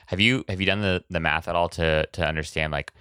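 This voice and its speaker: A male podcast host with a low, smooth voice, recorded close and dry. He asks long, wandering questions peppered with fillers. His tone is bright and forward. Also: steady tone, a little fast, no room sound. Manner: rambling questions full of "like" fillers. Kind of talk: casual interview.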